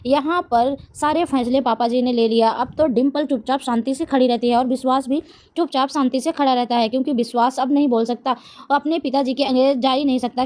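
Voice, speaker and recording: A woman narrating a scripted plot recap of a TV serial episode in a steady storytelling manner. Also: sits high. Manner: steady storytelling of scene events.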